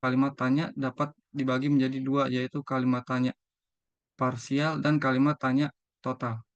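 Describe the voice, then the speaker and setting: Young man with a smooth, level reading voice. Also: mid-range voice, normal speed, no room sound. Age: young adult. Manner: steady, even reading of a script. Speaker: student presenter. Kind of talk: reading a class presentation. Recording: dry, dull lo-fi recording.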